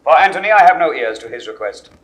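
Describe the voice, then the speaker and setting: An actor playing Octavius Caesar, a cold young Roman ruler who gives curt, commanding orders in a 1960s studio Shakespeare recording. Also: male voice, on the high side, expressive, fast talker, a bit bright, poor audio.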